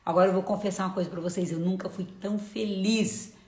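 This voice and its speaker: On a live stream recorded by camera or phone, a Brazilian Portuguese-accented woman shares an informal, effusive faith testimony, repeating short phrases and calling the audience "gente." She talks fast at medium pitch with fairly even intonation and a slightly mellow tone, and the sound is roomy.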